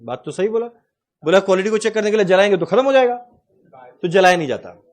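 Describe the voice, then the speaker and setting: Brief: male teacher, forties, fairly high voice, explains through animated anecdotes. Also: fast. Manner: animated anecdotes, acts out dialogue. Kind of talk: classroom lecture with storytelling.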